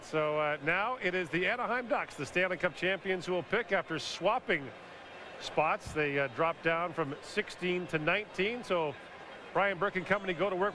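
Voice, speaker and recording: A man with a fairly high voice hosts a televised sports draft, brisk and informative with the odd light joke. The sound comes from a worn VHS tape copy, with steady tape hiss under his voice. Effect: hissy worn VHS tape copy. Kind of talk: live sports broadcast commentary. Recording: hissy old videotape broadcast.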